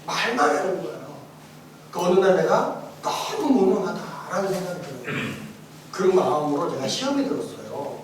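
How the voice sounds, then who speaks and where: A male pastor giving a testimony sermon, animated and emphatic, shifting from shouts to soft asides and laughing often. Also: high-pitched, moderate pace, slight background noise. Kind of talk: testimony sermon in a church training course. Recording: echoey church hall, mic far off.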